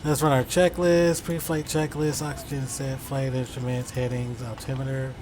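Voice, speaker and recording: A man's voice: mid-range voice, level tone, normal speed. A man giving casual flight simulator commentary, thinking aloud through procedures and muttering short fragments to himself. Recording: clear background vehicle-like noise.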